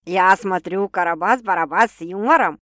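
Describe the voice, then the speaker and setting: A woman's voice: fairly low pitch, normal speed, a bit bright, no room sound, studio quality, natural voice. A woman voicing a blunt, skeptical older sister who talks in brash slang in an audiobook. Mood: joking.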